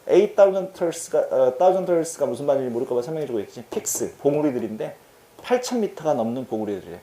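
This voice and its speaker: Chatty male English teacher, mellow voice. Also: fairly high pitch, roomy sound. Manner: chatty, slangy, asks students questions. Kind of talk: casual exam-prep lecture.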